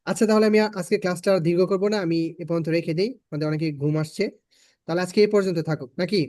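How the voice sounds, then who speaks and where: A man's voice: sits high, fairly even intonation, fast, warm tone, no echo, studio quality. A man with a Bangladeshi Bengali accent teaching an online spoken English class, patiently repeating his points for learners.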